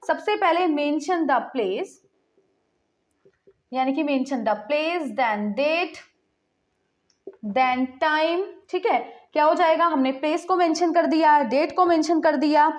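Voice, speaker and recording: A woman's voice: sits high, slow. A young woman teacher giving a casual online lesson, mixing Hindi and English, repeating points and checking in with students often. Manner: repetitive, checks in with "theek hai" constantly; mixes Hindi and English mid-sentence.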